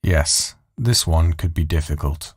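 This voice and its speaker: A man's voice: a bass voice, unhurried, breathy edge, no room sound, studio quality. A man narrating a scripted story as its storyteller.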